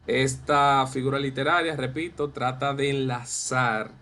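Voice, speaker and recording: A male teacher talks his class through examples in a slow, unhurried way, repeating each phrase and stretching out the words he wants to stress. His voice sits at an ordinary pitch, and a faint hiss runs under the recording. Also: steady tone, pushed and bright. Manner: explains slowly, repeats phrases, drawn-out emphasis on examples. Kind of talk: online class lecture.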